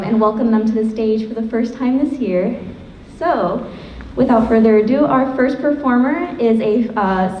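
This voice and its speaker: A woman in her twenties, the assistant director, introduces student performers from a school stage in a polite, slightly nervous way. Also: a little high. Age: 20s. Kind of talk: stage introduction to a live audience. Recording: dull echoey hall, far from mic, faint hiss.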